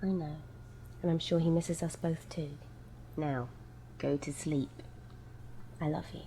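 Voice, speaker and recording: A woman playing a gentle young mother protecting her little daughter, speaking softly and soothingly, often in a hushed whisper. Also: deep voice, fairly even intonation, a little slow, a little hiss or hum.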